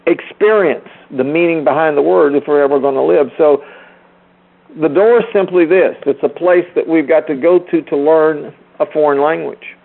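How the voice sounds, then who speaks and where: Emphatic male preacher with a gravelly creak. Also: fairly high pitch, narrow, tinny audio. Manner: emphatic, rhetorical, repeats phrases for stress; addresses listeners directly with questions and commands. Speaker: speaker teaching a group. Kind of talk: sermon-like spiritual lecture.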